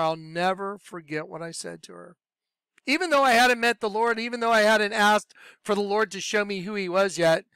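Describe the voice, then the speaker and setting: High, smooth-voiced man giving testimony. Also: a bit bright, no room sound. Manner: earnest, acts out quoted dialogue. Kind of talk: personal testimony storytelling.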